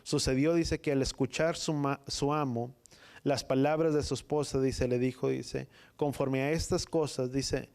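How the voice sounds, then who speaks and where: A male preacher reads a scripture passage in short, broken phrases, putting "dice" between nearly every clause. His pitch sits in a middle range for a man, and he moves from reading into plain sermon teaching. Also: fairly even intonation, unhurried, creaky, darkish tone. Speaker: pastor.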